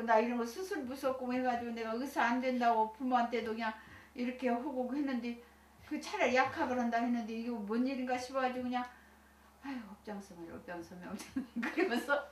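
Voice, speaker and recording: An older woman, a senior Buddhist minister, telling stories from her life in a folksy, chatty way with frequent laughter. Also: on the high side. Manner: folksy and chatty, laughs often, many restarts. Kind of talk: recounting life experiences to listeners. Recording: echoey room, distant mic, faint hiss.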